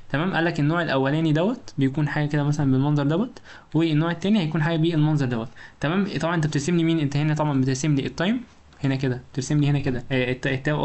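Man, Egyptian Arabic accent, engineering lecturer, very quick, informal, keeps checking the listener follows. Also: fairly high pitch, darkish tone. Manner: keeps asking rhetorical questions and checking understanding; informal, talks directly to the student. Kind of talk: recorded lecture explanation.

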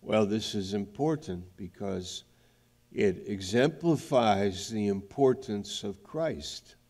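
A middle-aged male pastor preaches in a large church sanctuary, speaking into a headset mic with a lowish, somewhat dark voice. He goes slowly and explains his points carefully, with lively intonation, broad gestures, and frequent restarts mid-phrase.

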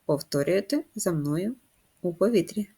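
A woman teaching young children to write, patient and methodical, walking them through each step and pausing to ask questions. Her voice sits fairly low and has a soft, husky edge. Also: animated. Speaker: primary school teacher. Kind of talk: first-grade writing lesson.

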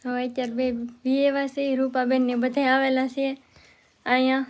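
A woman's voice: high-pitched, completely flat delivery, a little fast, no echo. A woman with a Gujarati accent chatting playfully and modestly on a family vlog, filmed on a handheld phone. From Gujarat, India. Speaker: family member, vlogging. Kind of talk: casual family vlog chat.

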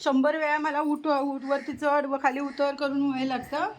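A woman's voice: high voice, flat delivery, moderate pace, a little hiss or hum. A woman chatting casually to camera at home while coaxing and calling out to a crow. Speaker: vlogger.

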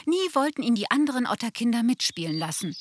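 A woman gently and calmly narrating a children's storybook. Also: a little high, quick pace, slight background noise. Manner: gentle, calm reading.

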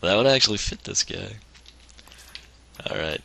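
A man's voice: on the low side, expressive, unhurried, vocal fry, music in the background. A man streaming a video game who is losing his voice, chatting casually and chuckling as he plays. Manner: chatty, rambling, chuckles often. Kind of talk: casual let's-play commentary.

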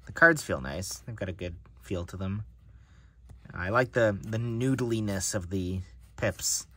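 Seated at a table indoors, a card collector reviews decks, casually talking through an unboxing of playing cards and musing to himself as he handles them. His voice sits lowish and a bit bright, moving at a measured pace.

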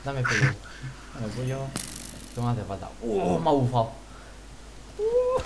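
A man's voice: mid-range voice, wildly swooping pitch, a little slow, vocal fry, a loud crowd. A man playing a game with a friend, panicky and exclamatory, often crying out and swearing. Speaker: gamer co-player. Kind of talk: casual gameplay commentary.

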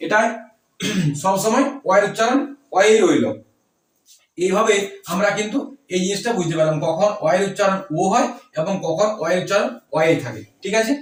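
High-voiced man teaching pronunciation. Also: far from the mic. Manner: asks rhetorical questions and repeats words slowly. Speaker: Bengali grammar teacher. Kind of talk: explaining pronunciation rules to students. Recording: echoey room, voice from off-mic.

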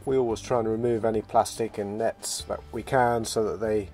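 A man narrating his sailing vlog in a relaxed, reflective voice-over, often restarting his phrases. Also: lowish voice, moderate pace. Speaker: sailing vlogger. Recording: voice-over with loud music behind.

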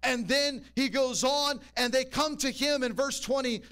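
A man's voice: very high voice, a little slow, fairly bright tone, smooth. A man preaching a sermon in a church, walking the congregation through scripture and checking in with rhetorical questions. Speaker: pastor.

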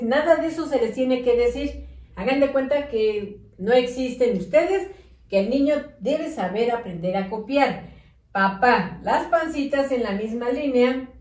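A woman teacher gives a slow, patient lesson on handwriting and letters to parents and small children. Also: fairly high pitch, warm tone. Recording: roomy echo, voice from a distance.

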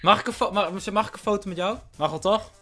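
A young man with a high, bright voice, talking into a home computer mic as a YouTuber. He teases strangers playfully and breaks into loud bursts. Faint music plays softly behind him. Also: quick pace. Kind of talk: casual video chat with strangers.

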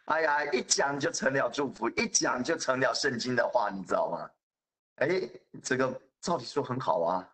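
A man in his fifties preaching a sermon, telling the story in a lively way with acted-out quotes. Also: mid-range voice, moderate pace.

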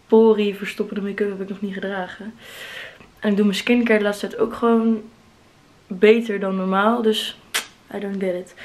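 A woman in her twenties, chatty and excitable, talking casually into a handheld camera in her bedroom. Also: medium pitch, rough recording. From Netherlands. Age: 20s. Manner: chatty, excitable, mixes in English phrases. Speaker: vlogger. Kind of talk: casual vlog chat. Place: bedroom at home, indoors. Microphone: handheld camera close up.

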